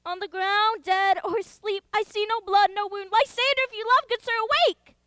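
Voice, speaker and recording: Lovelorn young woman, woman acting, school stage play, very high voice, pleading, dry sound. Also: flat delivery, moderate pace, fairly bright tone, no room sound. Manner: pleading, rising to indignant outbursts. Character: lovelorn young woman Helena, self-pitying and indignant.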